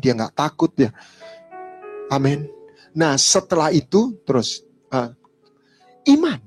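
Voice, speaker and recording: A male pastor preaching a sermon, telling stories in a voice that swings from loud to hushed. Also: fairly high pitch, slightly rough.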